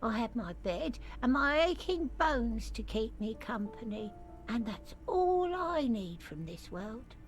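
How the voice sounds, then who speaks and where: Sickly, grumbling old cleaning woman, coughing and wheezy, drawling slowly. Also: fairly high pitch, big pitch swings, faint music behind. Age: older. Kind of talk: game voice acting.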